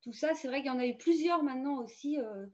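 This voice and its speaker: A woman's voice: high voice, fast. A woman presenting youth information in a casual, hesitant way, full of fillers and restarts, over a video call. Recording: dull lo-fi video call audio.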